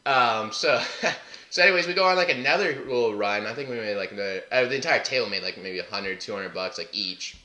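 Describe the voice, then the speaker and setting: Man, co-host, bright and animated storyteller; echoey room sound. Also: fairly low pitch, brisk. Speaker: podcast co-host. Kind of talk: casual storytelling chat.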